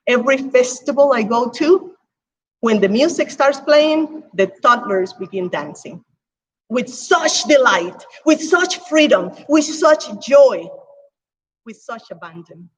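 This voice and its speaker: Cuban-born woman preaching, husky and high. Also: measured pace, poor audio. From Cuba. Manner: expressive, emphatic preaching with swells and hushed drops. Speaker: pastor. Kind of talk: sermon.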